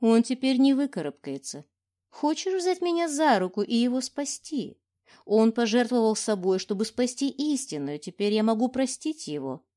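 A woman's voice: fairly high pitch, very animated, moderate pace, mellow. A woman reading as a sneering male villain. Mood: scheming. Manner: sneering, taunting. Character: scheming male villain, mocking and manipulative. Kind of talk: audiobook reading.

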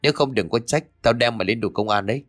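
A man voicing an angry older village man, barking rough threats. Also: medium pitch, fast talker, fairly bright tone, no room sound, clean studio sound, faint music behind, close to an everyday voice. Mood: furious.

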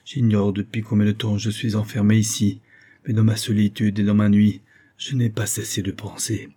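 A haggard, terrified recluse, read by a man, speaking with feverish dread in an audiobook story. The voice is low and husky, dark and mellow in tone. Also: level tone, moderate pace. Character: haggard, terrified male recluse convinced he is haunted. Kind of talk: audiobook reading.

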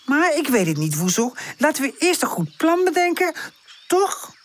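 A woman's voice: high-pitched, big pitch swings, moderate pace, pitched above the performer's own voice. A woman voicing a cautious, sensible little female puppy in a children's audiobook, doubtful but loyal.

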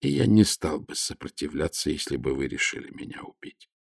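A man voicing a middle-aged gentleman who speaks quietly in a breaking, faltering voice. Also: a bass voice, sing-song, fairly quick, creaky, exaggerated voice. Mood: shaken. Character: gentle middle-aged male adventurer, shaken.

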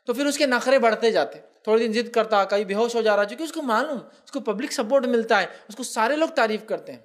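A man giving a religious talk on raising children, with speech and mixed in, acting out quoted family members as he goes. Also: very high-pitched. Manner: acts out quoted family members in lively asides. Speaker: Islamic speaker.

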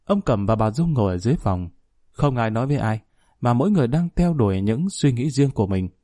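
A man narrates a story at a steady, even pace. His voice is warm and dark. The recording is close and dry. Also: medium pitch, quick pace, dry recording. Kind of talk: audiobook story reading.

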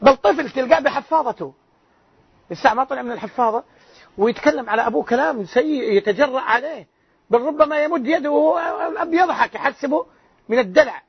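Man, sheikh, religious lesson, loud, rhetorical questions, very high pitch, fast, dull lo-fi sound. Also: husky, dry recording. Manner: loud-voiced, quizzes the audience with rhetorical questions. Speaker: sheikh teaching a hadith class. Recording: dull lo-fi lecture recording.

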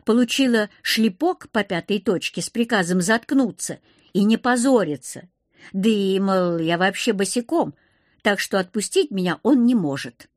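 A woman narrating a first-person audiobook with expressive, lively inner monologue. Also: medium pitch, normal speed, no room sound, clean studio sound. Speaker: audiobook reader.

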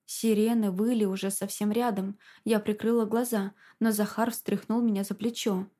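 A woman narrating a novel in a measured, quiet, dramatic reading. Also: mid-range voice, little pitch movement. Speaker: audiobook narrator. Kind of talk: scripted narration.

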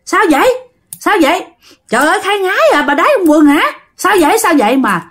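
A woman's voice: high-pitched, expressive, voice pushed up. Woman doing pushy questioning bakers. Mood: pressing. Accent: Southern Vietnamese. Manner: rapid repeated questions.

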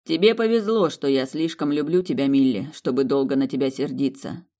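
Narrator doing a hurt, sardonic young fiancé. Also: male voice, medium pitch, fairly quick, dark tone, close to an everyday voice. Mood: teasing, ironic. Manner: mocking, wryly ironic. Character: hurt young fiancé, bitter but forgiving.

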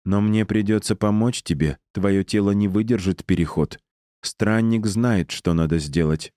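A man reading an audiobook voices a calm, solemn and kind female river spirit. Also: fairly low pitch, unhurried, no echo, studio quality, close to an everyday voice.

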